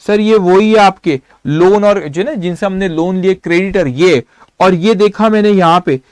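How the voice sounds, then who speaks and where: High-voiced man giving a storytelling lecture. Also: moderate pace, no echo. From India. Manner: explains through repetition and storytelling, addresses students directly. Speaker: accounting lecturer. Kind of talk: classroom lecture.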